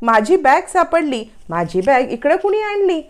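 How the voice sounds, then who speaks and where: A woman's voice: sits high, big pitch swings, unhurried, voice pushed up. A woman voicing a grumpy middle-aged uncle who grumbles and scolds, in an exasperated way. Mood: agitated.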